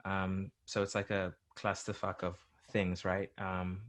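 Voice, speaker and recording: A young man with a slightly low-pitched voice, chatting as a musician guest. He rambles, restarting sentences and leaning on fillers as he explains himself. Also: monotone, a little slow, fairly bright tone. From born in England, grew up in South Africa. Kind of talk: casual interview chat.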